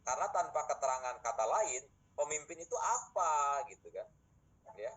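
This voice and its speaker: A man's voice: on the high side, expressive, moderate pace, fairly bright tone, husky, highs cut off. A middle-aged man lecturing his students in a classroom, explaining points patiently and posing rhetorical questions.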